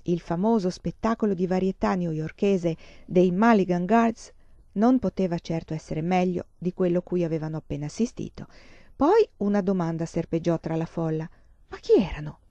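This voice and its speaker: A woman reading a children's novel aloud, with calm, even narration. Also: lowish voice, moderate pace, dry recording. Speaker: reader. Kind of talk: storybook reading. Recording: dull dry lo-fi sound.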